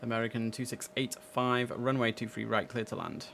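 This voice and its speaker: The speaker is a man streaming an air traffic control simulator, casually commenting, musing to himself and giving clipped radio calls. He talks briskly in a creaky, mid-range voice with a steady tone, amid background noise.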